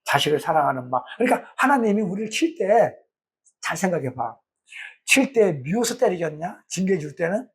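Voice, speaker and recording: A man's voice: sits high, big pitch swings, fairly quick, slightly rough. A middle-aged man, a pastor teaching a Bible study in a colloquial way, acting out the voices he quotes.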